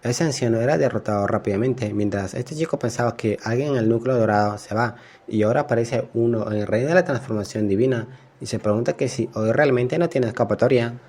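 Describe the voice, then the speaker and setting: A man narrating a manga story recap, reading each character's lines in the same even voice. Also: medium pitch, a little fast.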